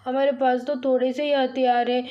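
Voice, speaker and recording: A woman's voice: high-pitched, normal speed, highs cut off. A woman casually commenting on her mobile game as she plays, chatty with viewers, often crying out and repeating words when things go wrong. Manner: excitable, frequent cries and repeated words; addresses viewers as friends, chatty. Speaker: gaming channel host. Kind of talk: live commentary while playing a mobile game.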